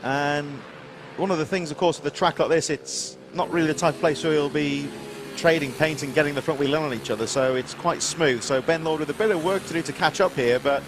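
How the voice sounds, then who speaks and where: Engines and outdoor track noise surround a commentator as he calls a motorsport race live, naming riders and the running order. He talks a little fast in a slightly high voice.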